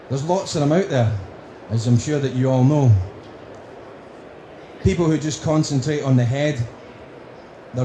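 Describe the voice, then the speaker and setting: A man with a broad Scottish accent giving a prepared conference talk, speaking deliberately in emphatic lists. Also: medium pitch, dark tone. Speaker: conference speaker, company director. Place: indoor conference room. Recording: roomy, echoing venue with faint noise.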